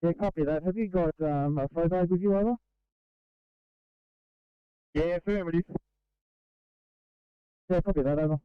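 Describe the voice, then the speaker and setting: A man's voice: a little high, normal speed, long pauses, smooth, no echo. A man with an Australian accent speaking in terse emergency-service exchanges over a crackly walkie-talkie radio. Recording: dull lo-fi two-way radio transmission.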